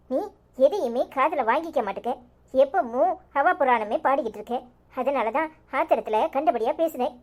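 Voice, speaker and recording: A woman's voice: high voice, a little mellow. A woman voicing a jealous young wife in a cartoon comedy, with a Tirunelveli Tamil accent. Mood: pleading. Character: jealous young wife Anitha, feverish and pleading. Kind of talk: village cartoon drama.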